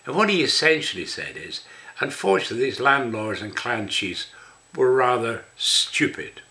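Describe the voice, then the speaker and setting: An older Scottish man with a smoker's rasp talks casually and ramblingly, guiding listeners through a website. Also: mid-range voice, sing-song, normal speed, sharp tone. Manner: rambling, conversational. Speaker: website host.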